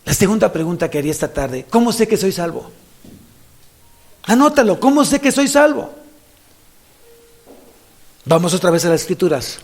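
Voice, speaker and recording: A man with a Mexican Spanish accent preaching as a pastor in a church, animated, repeating phrases for emphasis. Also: high voice, normal speed, long pauses. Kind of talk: sermon.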